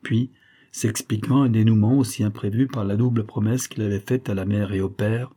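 A man narrating a classic novel in a measured, steady literary reading. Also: fairly low pitch. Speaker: audiobook narrator.

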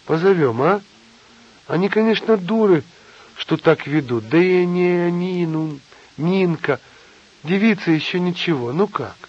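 A man voicing a timid young husband who coaxes and reassures in a soft, pleading tone. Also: high-pitched, expressive, a little slow, breathy edge, pitched above the performer's own voice, full character voice. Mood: coaxing. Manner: coaxing and soft-spoken. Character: timid, gentle young husband, eager to please. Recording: slightly dull lo-fi audio.

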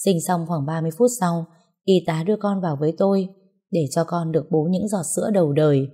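Low, mellow woman narrator. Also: fast, husky. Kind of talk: first-person scripted story narration.

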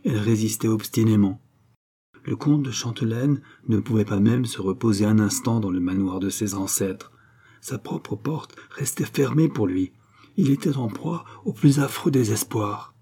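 A man narrating a historical novel in an audiobook reading, in a measured, dramatic way. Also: fairly low pitch, warm tone, husky.

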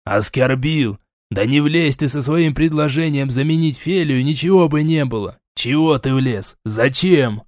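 A man's voice: mid-range voice, unhurried, hardly any pauses, dry recording, lightly acted. A man voicing a stern older prince who scolds, sighs and turns suspicious. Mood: scolding. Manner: scolding, sighing, sarcastic.

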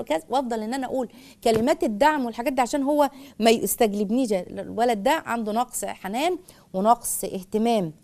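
A middle-aged woman speaking with an Egyptian accent hosts a religious advice program. She talks very fast in a slightly high voice, earnest and warm toward callers, swelling into passionate emphasis. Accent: Egyptian Arabic. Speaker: host answering viewer questions. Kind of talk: religious advice talk show.

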